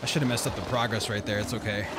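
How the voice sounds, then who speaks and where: A man giving casual gameplay commentary, excitable and slangy, talking straight to his viewers as bro and dude. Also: lowish voice, rapid-fire, very noisy. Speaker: gaming YouTuber.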